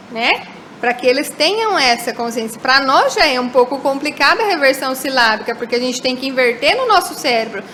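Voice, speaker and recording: A Brazilian woman with a high, light voice gives a recorded lesson. She explains each point step by step and often checks in with her listeners. A faint hiss sits under the recording. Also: fairly bright tone, poor audio. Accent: Brazilian Portuguese. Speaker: teacher. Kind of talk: recorded lesson on phonological awareness.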